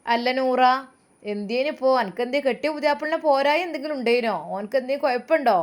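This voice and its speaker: A woman with a Malappuram Malayalam accent voicing a nosy, judgmental older neighbour woman in a low, heavy voice. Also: fast, close to an everyday voice. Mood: prying. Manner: nosy, moralizing, spreading rumours.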